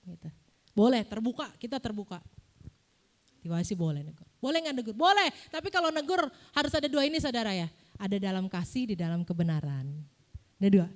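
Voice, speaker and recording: A young woman giving a casual, lively sermon in a church, often asking the congregation questions. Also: medium pitch, fairly quick. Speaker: preacher.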